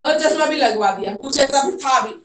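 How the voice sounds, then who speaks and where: A woman lectures a class of trainee teachers in a high, clear voice, pausing often to check that everyone is following. She sounds distant from the mic, and her voice echoes around a hard classroom. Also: expressive, fairly bright tone. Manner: explains with repeated "theek hai", mixes English terms. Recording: echoey room, voice from far off.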